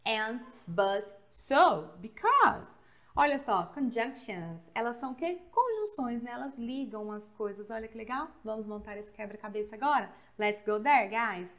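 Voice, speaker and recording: A Brazilian-accented woman from Goiás, Brazil, gives a chatty, animated English grammar lesson, blending Portuguese with English and relying heavily on tag questions. Her voice is a little high, and she speaks at a moderate pace.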